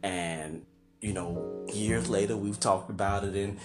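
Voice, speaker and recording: A middle-aged man, hosting a podcast and telling a story in a loose, profane, animated way, acting out quotes and laughing. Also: lowish voice, measured pace, over music. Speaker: podcast host. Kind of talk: casual storytelling monologue.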